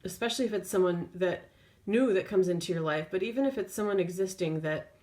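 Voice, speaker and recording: Speaking with a fairly low pitch and darkish tone, a tarot reader works off the cuff, letting her intuition guide her words and pausing at length between phrases.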